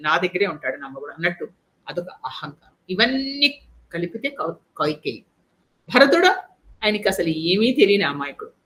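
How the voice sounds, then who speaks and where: A woman's voice: medium pitch, pushed and bright, slight background noise. A woman storyteller retelling an epic in a chatty way, speaking straight to her listeners and restarting words mid-sentence. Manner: conversational, addresses listeners directly, restarts mid-word.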